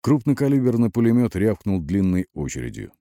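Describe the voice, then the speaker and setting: A man's voice: on the low side, big pitch swings, brisk, vocal fry, mellow, dry recording, studio quality. A man reading a war audiobook with terse, gritty delivery. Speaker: audiobook narrator.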